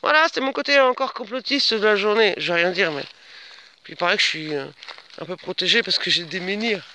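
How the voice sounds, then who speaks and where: A man's voice: fairly quick, pushed and bright, slight background noise. A man giving a casual, rambling walk-and-talk vlog outdoors on his rural land, defiant and chatty with his viewers. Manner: coos at pets in a much higher voice.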